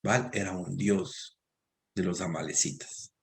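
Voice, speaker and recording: This sermon comes from a man with a Latin American Spanish accent who reads scripture aloud and speaks directly to the congregation. He swings from loud, emphatic peaks to quiet, low asides. His intonation is fairly even, his pace a little slow, and his voice creaky.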